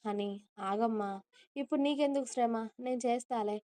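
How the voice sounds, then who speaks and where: A woman's voice: a little high, normal speed, warm tone, smooth, no room sound, lightly acted. A woman voicing a scolding but affectionate middle-aged mother-in-law. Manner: teasing, scolding.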